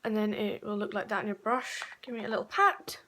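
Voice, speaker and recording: A woman's voice: medium pitch, steady tone, a little fast, pushed and bright, slight background noise. A woman chatting her way through a makeup tutorial, rambling and correcting herself as she goes. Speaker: beauty vlogger.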